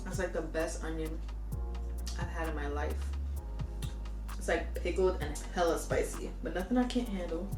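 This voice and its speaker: A woman's voice: fairly low pitch, normal speed, long pauses, reverberant, recorded from a distance, over music. A young woman talking casually to her viewers as she eats through a meal, chatting between bites. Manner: chatty, eating while talking, addresses viewers as y'all. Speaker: food vlogger. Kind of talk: casual mukbang chat to camera.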